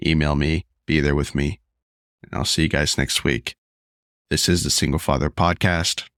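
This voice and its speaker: A man's voice: extremely low pitch, fairly even intonation, moderate pace, a bit bright, no room sound, clean studio sound. A man hosting a solo podcast, talking in an earnest, confessional way while losing his voice and feeling unwell. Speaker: podcast host.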